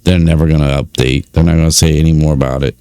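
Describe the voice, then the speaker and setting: A low-voiced man talks his way through prison records in a relaxed commentary. He speaks informally, with frequent fillers and asides. The recording is dry and close. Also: quick pace, smooth, no room sound. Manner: conversational, many fillers, informal phrasing. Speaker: YouTube commentator on prison news. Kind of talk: casual commentary reading records.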